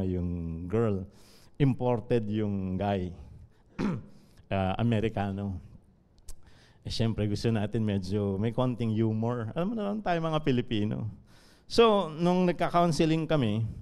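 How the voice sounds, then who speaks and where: A man's voice: on the low side, a little mellow, clean tone. A male pastor with a Filipino accent preaching a conversational sermon during a live church service, often asking the congregation rhetorical questions. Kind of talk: sermon mixing Tagalog and English.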